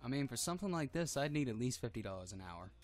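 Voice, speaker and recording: A man's voice: mid-range voice, big pitch swings, quick pace, no echo. A man co-commentating on a game with wry, sardonic casual banter. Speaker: co-commentator on a let's play. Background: game music.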